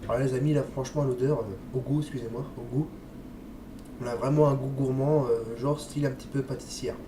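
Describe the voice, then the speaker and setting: A medium-pitched man with a steady tone talks briskly while reviewing vape liquids on his vlog, stuffy from a cold and coughing. Chatty, hesitant, and friendly, he keeps stopping to speak to his viewers, saying "les amis" and "hop" often. The sound is noisy and echoey, picked up by a distant mic.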